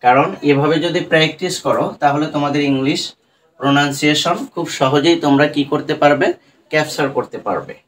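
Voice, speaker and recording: A man with a Bangladeshi accent gives an online English pronunciation lesson in Bengali, his voice a little high and his pace brisk. He spells words letter by letter, frequently asking "right?" as he goes, over a little hiss or hum.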